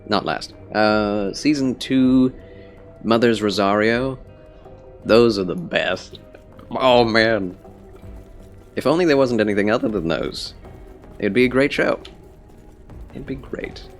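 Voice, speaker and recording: A man's voice: medium pitch, expressive, slow, long pauses, soft background music. A man with a scratchy, phlegmy voice, tired and under the weather, chatting casually as he streams a game and talks to viewers in a rambling way. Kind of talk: casual livestream chat with game commentary.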